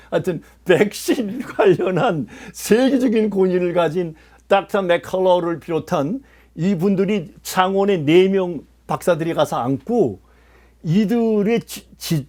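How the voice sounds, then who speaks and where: Emphatic higher-voiced man lecturing. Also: a little mellow. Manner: emphatic, addresses listeners directly with questions; mixes in English phrases. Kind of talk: political lecture to a small audience.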